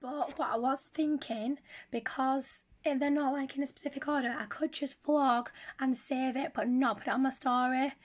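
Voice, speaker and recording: A woman chats casually to her vlog, hoarse, her voice giving out and slipping into a whisper. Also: high-pitched, fairly even intonation, moderate pace. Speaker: vlogger. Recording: noisy handheld phone recording.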